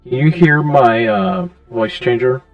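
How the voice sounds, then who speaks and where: A man's voice: animated, unhurried, dry recording, dull audio, faint music behind. A man testing a voice changer that morphs his voice, repeating short test words in casual chat. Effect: voice changer shifting his pitch up and down.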